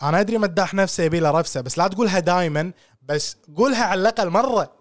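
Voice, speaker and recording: A fast, animated man, chatting casually as a podcast co-host. His voice sits a little high and often drops into English phrases. The sound is dry and close, with no room around it. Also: dry recording.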